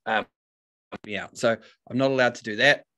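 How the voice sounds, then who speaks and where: A man's voice: mid-range voice, steady tone, moderate pace, sharp tone, low-quality recording. New Zealand accent, man, upbeat webinar trainer, video call, coaxing. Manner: upbeat, coaxing the audience to join in. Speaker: real estate trainer. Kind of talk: webinar teaching.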